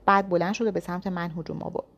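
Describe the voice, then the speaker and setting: A woman's voice: on the low side, flat delivery, gravelly. A woman reading a first-person thriller story aloud with tense, dramatic storytelling. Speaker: narrator.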